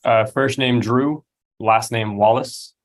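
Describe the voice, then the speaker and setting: A man with a mid-pitched voice testifies as a probation officer on a video call. He is formal and deferential, and his answers come out haltingly. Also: fairly even intonation. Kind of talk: courtroom testimony. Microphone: online video call.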